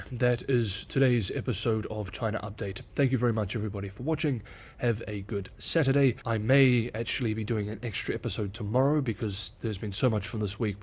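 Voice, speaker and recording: A man reading news analysis on his own channel, in a measured way, lifting his voice whenever he quotes someone. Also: medium pitch, a little mellow, slightly rough. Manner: measured, reads quotes aloud with lifted voice. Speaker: solo news commentator. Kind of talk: news analysis read from script.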